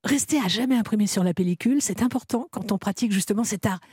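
A woman's voice: medium pitch, fast talker, a little mellow, breathy edge, no echo, clean studio sound. A woman hosting a radio interview, asking playful, probing questions. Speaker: radio host. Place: radio studio.

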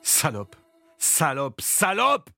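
A woman's voice: a bass voice, takes it slowly, over music, voice pushed up. A man playing a screaming, raging washerwoman. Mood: screaming rage. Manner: shouted, raging taunts. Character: furious young washerwoman brawling and screaming insults. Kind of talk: dramatic reading of a novel.

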